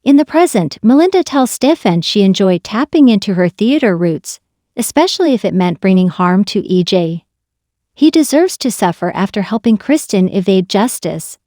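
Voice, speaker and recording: A woman's voice: mid-range voice, warm tone, no room sound. Woman reading a dry soap recap. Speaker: soap opera recap narrator. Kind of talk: scripted recap narration.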